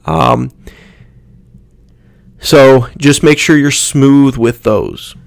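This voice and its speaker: Slow gravelly man teaching pronunciation. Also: mid-range voice, no echo. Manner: slow, deliberate, repeats example words. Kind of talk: instructional explanation with spoken examples.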